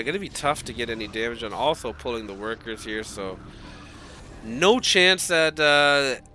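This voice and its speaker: A man calls a strategy game match in loose, rambling play-by-play, cursing now and then as he restarts his sentences. His voice carries a bright, forceful edge, even though it still sounds groggy from just waking up. Faint music plays underneath. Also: mid-range voice. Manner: rambling, casual play-by-play with frequent restarts and swearing. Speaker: esports caster. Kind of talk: live game commentary.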